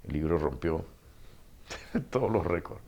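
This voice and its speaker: The audio is dull, and the man's deep voice is slow, creaky, and husky. He's a middle-aged author with a Panamanian Spanish accent, telling stories animatedly in a casual interview, acting out dialogue and laughing often.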